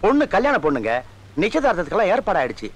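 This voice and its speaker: A man's voice: sits high, wildly swooping pitch, racing, exaggerated voice. An actor playing the worried father of a bride, pleading and exasperated, in a film comedy.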